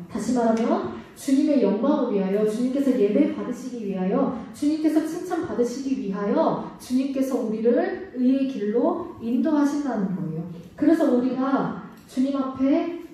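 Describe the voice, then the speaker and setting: A woman's voice: high-pitched, dark tone, a little hiss or hum. A woman preaching a children's sermon who asks the kids questions and answers them herself. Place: church sanctuary. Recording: echoey church hall, mic at a distance.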